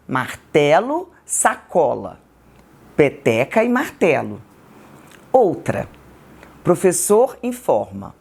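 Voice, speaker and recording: A woman with a Brazilian Portuguese accent, a textbook author explaining literacy activities slowly and deliberately. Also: medium pitch. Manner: slow, deliberate, syllable-by-syllable examples. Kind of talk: educational explainer.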